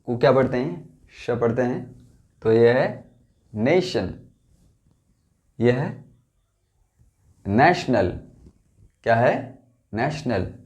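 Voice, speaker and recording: A man teaching English pronunciation in Hindi, slowly repeating each word for learners to echo back. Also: medium pitch, a little mellow. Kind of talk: pronunciation drill lesson.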